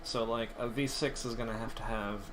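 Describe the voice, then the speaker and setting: A man's voice: medium pitch, steady tone, fairly quick, background noise. A man streaming his 3D design work, chatting casually and muttering to himself as he models. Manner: thinks aloud, muttering at his own work. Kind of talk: casual chat while modeling.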